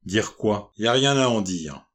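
A man's voice: fairly low pitch, animated, unhurried, a bit bright. A man reading the part of a young, guarded African housemaid who talks in short, clipped phrases. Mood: sullen, guarded. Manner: curt, clipped colloquial phrasing.

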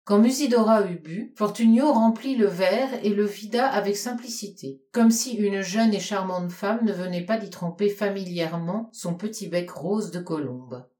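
A woman reading a literary audiobook aloud in a measured, expressive way. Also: medium pitch. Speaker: audiobook reader. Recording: echoey room.

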